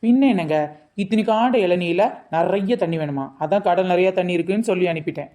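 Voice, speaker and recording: A woman acting as a sharp-tongued, cheeky seller's wife in a comedy skit. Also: fairly low pitch, a little fast. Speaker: comic actor playing the seller's wife.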